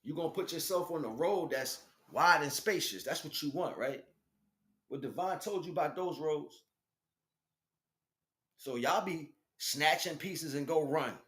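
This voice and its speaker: In a little-high, fairly bright voice, an American man speaks a bit slowly through an informal spiritual monologue. He talks as a teacher, emphatic and slangy in a streetwise way, directly to his listeners.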